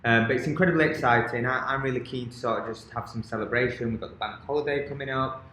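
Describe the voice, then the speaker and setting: A man's voice: medium pitch, fairly even intonation, fast talker, a bit bright, a little hiss or hum. Man talking in a very echoey room. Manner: enthusiastic, filler-heavy rambling. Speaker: podcast co-host. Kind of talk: casual podcast chat. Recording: very echoey room, faint ambience.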